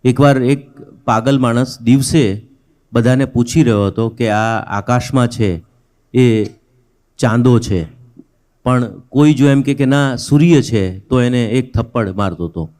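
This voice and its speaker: A man anchoring a poetry event, filling time with a brisk, conversational anecdote. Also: medium pitch, a little mellow. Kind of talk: stage compering, telling an anecdote.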